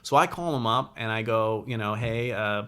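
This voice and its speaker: A man's voice: lowish voice, lively intonation, brisk, a bit bright. A young man, a comedian, telling a long, rambling and profane story in casual conversation. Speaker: comedian guest.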